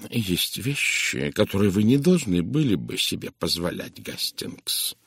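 A man reading an audiobook voicing a shrewd, precise detective who speaks soft and measured. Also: lowish voice, sing-song, vocal fry, husky, no echo, clean studio sound, full character voice. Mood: knowing. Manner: soft, measured, hushed and knowing.

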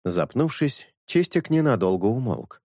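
A man narrating an audiobook in a steady, even storytelling manner. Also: medium pitch, a little slow, no room sound, clean studio sound. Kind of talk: scripted narration.

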